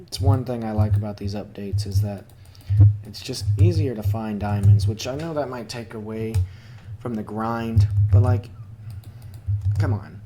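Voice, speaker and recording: A man with a warm, relaxed tone talks his way through a video game in a casual, self-deprecating way. He is recording at home, and he breaks off now and then to talk to his cat. Soft room noise and typing sit faintly in the background. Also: fairly low pitch. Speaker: gaming YouTuber. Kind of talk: casual gameplay commentary.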